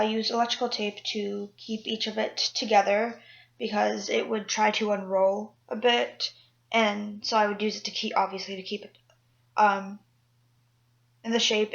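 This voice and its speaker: A woman's voice: mid-range voice, gravelly, muffled recording. A woman cosplay vlogger talking through a costume build in a chatty, rambling way, mocking herself and swearing casually. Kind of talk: casual chat and voiceover tutorial.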